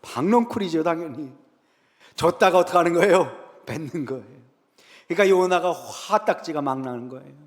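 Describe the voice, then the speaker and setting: A male pastor preaching a sermon in a church sanctuary. He retells Bible scenes in a lively way, asking the congregation questions and answering them himself. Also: on the high side, fairly quick. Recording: long reverb in a large sanctuary.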